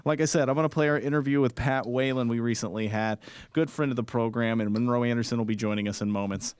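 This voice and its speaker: A man's voice: mid-range voice, steady tone, fast talker, darkish tone, clear, resonant tone, no room sound. A man co-hosting a casual podcast from an apartment attic, reading plugs and teasing his partner. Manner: upbeat, promo-style plugs and teasing. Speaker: co-host.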